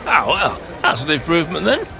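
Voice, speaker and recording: An actor playing a weary starship captain with a dry, understated, hesitant manner in a comic sci-fi audio drama. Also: male voice, fairly high pitch, wildly swooping pitch, a little fast, gravelly, a crowd in the background, full character voice. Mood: wry, pondering.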